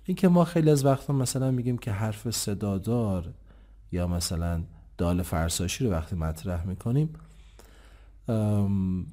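Man, language teacher, low voice, warm tone, patient explanations, slow and careful English examples. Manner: explains patiently, asks himself questions and answers them; says English examples slowly and clearly. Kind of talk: online English lesson.

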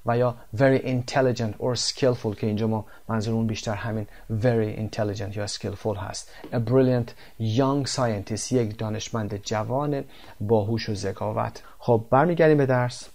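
A Persian-speaking man teaching English words and pronunciation, slowing right down to read the English examples aloud. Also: lowish voice, fairly even intonation, vocal fry, a little mellow. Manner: slow, careful when reading English examples. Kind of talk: explaining English vocabulary and pronunciation.

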